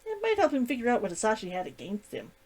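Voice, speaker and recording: A woman narrating a novel aloud in an expressive, dramatic storytelling manner. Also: on the high side, fast talker. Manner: animated, dramatic reading. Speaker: streamer reading a novel aloud.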